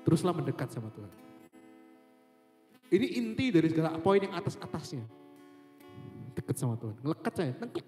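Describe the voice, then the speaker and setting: A young man gives a relaxed devotional talk, chatty and informal. His voice is slightly high but mellow. It rings in a roomy church hall with a long echo, and soft guitar plays underneath. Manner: chatty, mixes in English phrases, repeats "kayak gitu". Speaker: youth devotional speaker. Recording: echoey hall with faint guitar.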